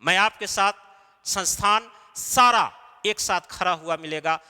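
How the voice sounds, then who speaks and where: A man's voice: high-pitched, unhurried, bright, forceful tone, clear, resonant tone, long reverb tail. A man teaching an exam-preparation class, explaining step by step and answering his own questions. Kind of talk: recorded lecture.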